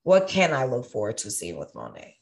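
A woman's voice: extremely low pitch, huge pitch swings, brisk, gravelly. Encouraging woman podcast host. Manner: warm, affirming, encouraging. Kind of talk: casual conversational interview.

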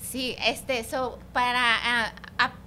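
Mujer con español de acento estadounidense, voz aguda. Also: female voice, fairly high pitch, level tone, slow, pushed and bright, a little hiss or hum. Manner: hesitant, searches for Spanish words, mixes in English. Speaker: placenta encapsulation provider, interview guest. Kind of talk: conversational explanation.

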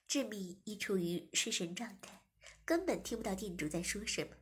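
A woman reading a first-person story aloud in a soft, breathy, half-whispered way. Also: mid-range voice, animated, moderate pace.

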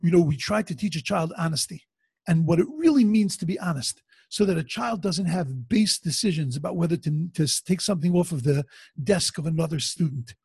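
A man giving an informal religious lecture like a teaching rabbi, conversational and halting, repeating phrases and posing questions that he answers himself. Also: a little high, animated, gravelly, a little mellow, husky, no echo, studio quality.

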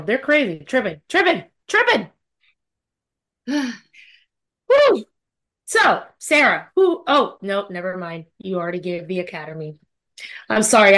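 A woman's voice: medium pitch, normal speed, fairly bright tone. A woman co-hosting a casual podcast panel, laughing often, swearing and speaking with emphatic outrage. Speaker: podcast co-host.

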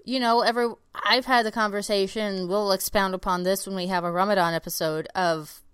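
A woman with a smooth, resonant voice co-hosting a podcast in casual chat. She speaks frankly and emphatically, with casual swearing. The sound is dry and close, with no room echo. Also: mid-range voice, steady tone, fairly quick, a bit bright. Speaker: podcast co-host.

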